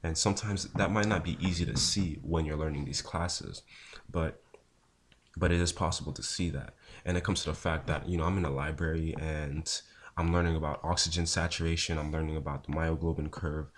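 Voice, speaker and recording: A young man talking casually to camera in a low, unhurried, low-energy voice with a husky, just-woken sound. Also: fairly even intonation, slight background noise. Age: young adult. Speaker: vlogger, pre-med student. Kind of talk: casual talk to camera answering viewer questions.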